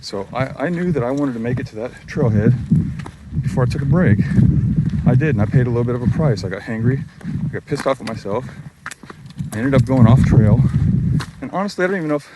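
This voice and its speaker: A man's voice: mid-range voice, animated, a little fast. A middle-aged man chatting casually to the camera while hiking alone on a forest trail, rambling and self-deprecating. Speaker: hiking vlogger. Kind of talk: casual vlog talk to camera. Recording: outdoor noise in the background. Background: outdoor noise.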